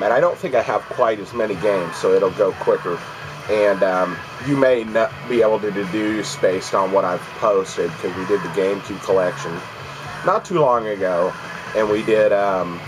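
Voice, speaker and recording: A video game collecting vlogger at home talks about his recent pickups, rambling casually with lots of ums and restarts. His fairly low voice is congested from allergies, and the recording is rough.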